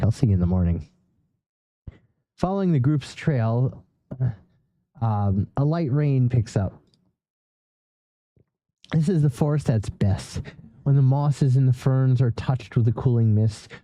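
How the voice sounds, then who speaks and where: A man's voice: mid-range voice, mellow, no room sound, rough recording. A man narrating a solo role-play journal in first person, reading aloud with small stumbles and self-corrections.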